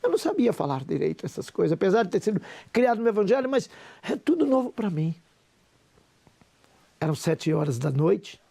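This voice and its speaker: A man's voice: high-pitched, big pitch swings, normal speed, creaky, pauses often, warm tone. A Brazilian man in his sixties, a pastor, giving an emotional, preacher-like personal testimony with a Brazilian Portuguese accent. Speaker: pastor and businessman.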